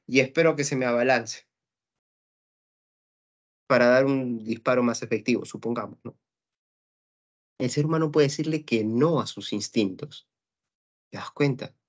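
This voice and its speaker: Man, young adult, philosophy teacher, online class, rhetorical questions, slightly high voice. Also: highs cut off. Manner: explanatory, asks rhetorical questions to students; acts out quoted thoughts and sound effects. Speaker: pre-university philosophy teacher.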